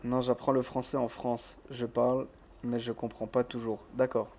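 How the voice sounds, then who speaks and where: A man's voice: mid-range voice, level tone, normal speed, mellow, slight background noise. A male streamer who keeps his voice down, chatting casually as he plays a game and reads the chat, laughing often. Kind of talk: casual let's-play chat. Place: home room with thin walls.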